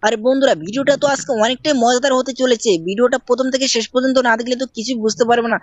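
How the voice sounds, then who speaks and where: A woman's voice: fairly high pitch, steady tone, racing, no room sound. A woman narrating a mobile game video in a casual, chatty way, talking straight to her viewers. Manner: chatty, addresses viewers directly. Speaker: gameplay narrator. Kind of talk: casual game commentary with character voices.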